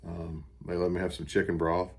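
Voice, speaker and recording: An American man giving a casual personal video update, talking in a plain, unhurried and somewhat halting way. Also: low voice, flat delivery, darkish tone, husky. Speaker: vlogger recovering from surgery. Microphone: camera on a stand with ring light.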